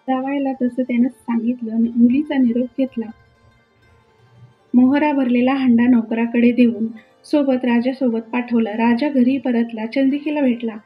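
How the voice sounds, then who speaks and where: A woman narrating a devotional folk tale in a steady, plain-spoken way. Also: on the high side, highs cut off. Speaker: storyteller.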